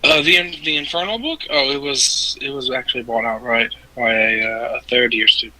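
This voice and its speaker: Guy doing a polite shopgirl, shy, hesitant, drops to whispers, sharp husky tone. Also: mid-range voice, fairly quick, low-quality recording. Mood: helpful. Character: polite young woman shop clerk.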